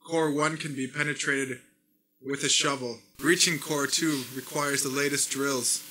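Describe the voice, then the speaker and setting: A man's voice: medium pitch, fairly even intonation, unhurried, bright, forceful tone, poor audio. A man playing a male alien envoy who makes stiff, formal announcements in a comedy sketch. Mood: solemn.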